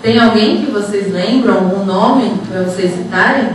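At normal speed and medium pitch, a woman lectures in a very echoey hall, conversational and checking in with short tag questions. The psychologist and HR professional gives students an informal motivational talk in an auditorium. Her handheld microphone runs through room speakers and is recorded from a distance, leaving the sound echoey and noisy.

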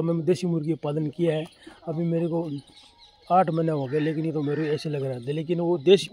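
Outdoors among his chickens, a Rajasthani man with a fairly high, slightly mellow voice explains poultry farming to his vlog audience. He keeps it plain, repeats himself, and addresses the camera directly, with clucking and faint noise behind him.

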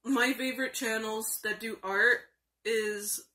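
A young adult woman in a casual, rambling vlog chat, speaking haltingly. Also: on the high side, fairly even intonation, pushed and bright. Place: small room indoors. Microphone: phone or webcam at arm's length.

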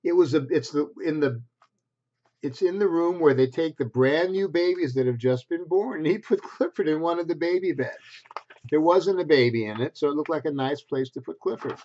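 A man in his sixties with a voice on the high side reads a picture book to preschoolers at a normal speed, and a little hiss or hum can be heard. He reads expressively in simple phrases with small asides. It's recorded in a small bedroom at home through a webcam at desk distance, with dull lo-fi sound.

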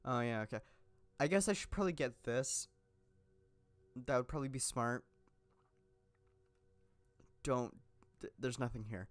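A man's voice: mid-range voice, animated, a little slow, pauses often, no room sound, faint music behind. A young man giving casual, rambling gameplay commentary, chatty, laughing often, with lots of fillers and restarts, sounding a little sick. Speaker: gaming YouTuber.

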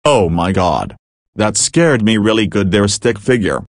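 A man's voice: lowish voice, sing-song, a little slow, no echo, studio quality. A man playing a computer user who talks back defiantly. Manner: defiant, mocking.

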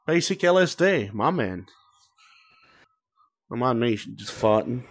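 A man's voice: medium pitch, sing-song, takes it slowly, dry recording. A man, joking and teasing friends during a casual game session. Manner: joking, teasing, laughs a lot. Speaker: gaming friend. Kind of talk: casual gaming chat.

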